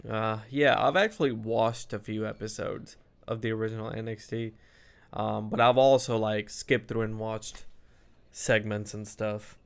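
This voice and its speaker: A male gaming streamer, stuffy from allergies, chatting casually and reacting loudly to the game. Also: lowish voice, fairly even intonation, unhurried, vocal fry, clear, resonant tone. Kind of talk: casual gameplay commentary.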